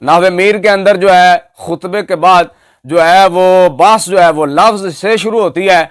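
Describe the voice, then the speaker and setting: A man's voice: sits high, measured pace, smooth, no room sound, studio quality. A man giving an emphatic, mocking religious speech that picks apart another scholar's pronunciation. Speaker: Islamic preacher.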